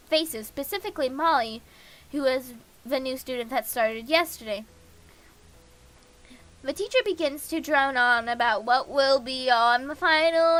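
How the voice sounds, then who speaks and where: A woman with a high-pitched, pushed and bright voice streams a visual novel, reading the narration and every character's lines aloud herself. She makes frequent small stumbles, slips and restarts.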